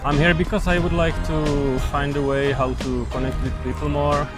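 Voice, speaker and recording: A man's voice: fairly high pitch, level tone, moderate pace. A man, talking hesitantly with many fillers and nervous laughs. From Czech Republic. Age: 30s. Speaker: vlog guest. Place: outdoors on city streets. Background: background music.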